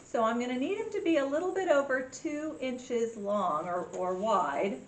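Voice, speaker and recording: A woman's voice: high voice, animated, normal speed. A woman presenting a step-by-step craft tutorial for children, with simple instructions and a cheery children's-host way of talking. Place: indoor room with echo. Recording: echoey room with faint background noise.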